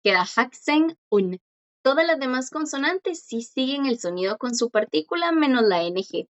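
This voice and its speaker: A woman teaching a language class online, patiently explaining and slowly repeating words for her students. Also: high-pitched, lively intonation, dull audio.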